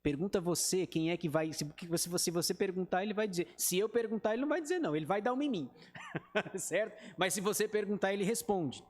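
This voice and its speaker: A male pastor with a Brazilian Portuguese accent leads a Bible study conversationally, addressing the group directly and acting out quoted lines. His voice is high and expressive, he talks fast, and the sound suggests a big room.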